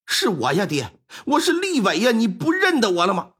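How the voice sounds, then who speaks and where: A spoiled young master from a storytelling tale, haughty and dramatic, as a male narrator puts him on. His voice is husky and rises and falls wildly. It ends up stretched into begging cries. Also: high voice, huge pitch swings, moderate pace, a bit bright, heavily acted. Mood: pleading. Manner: arrogant, later tearful pleading. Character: brash young master, claims rebirth, pleading.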